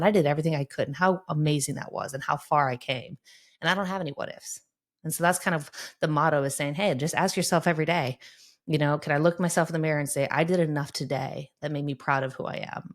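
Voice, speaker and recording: Woman, middle-aged, deep-toned psychologist guest; earnest, motivating, conversational. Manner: earnest, encouraging, often adds "right?". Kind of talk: conversational podcast interview.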